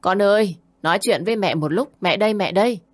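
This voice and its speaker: A woman's voice: sits low, steady tone, moderate pace, darkish tone, dry recording, close to an everyday voice. A woman voicing an old mother who speaks to her long-absent son in a choked, tearful voice. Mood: pleading.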